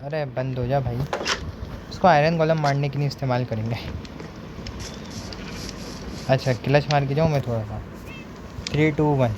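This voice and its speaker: A young man gives relaxed, chatty commentary while he builds in a game. He counts blocks under his breath and slips English words into his sentences, with a steady hum of noise behind him. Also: medium pitch, brisk. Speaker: gaming streamer. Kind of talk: casual gameplay commentary. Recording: noticeable background noise.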